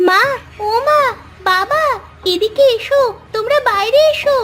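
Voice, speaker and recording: An eager little cartoon girl, as a woman puts her on, calling out excitedly to her parents. Her voice is very high and bright, with faint music behind. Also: unhurried, exaggerated voice.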